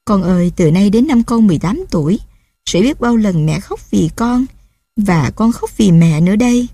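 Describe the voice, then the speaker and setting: A woman's voice: mid-range voice, animated, normal speed, mellow, slightly rough, no room sound. A mother reading her own story aloud in a tender, reflective way. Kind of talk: reading a personal memoir aloud.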